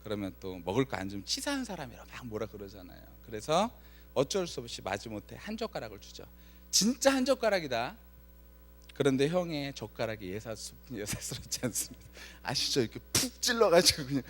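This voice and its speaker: Male pastor, Friday night sermon, animated pitch, storytelling, questions to the congregation. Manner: lively storytelling, acts out quoted lines, asks the congregation questions. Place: church sanctuary.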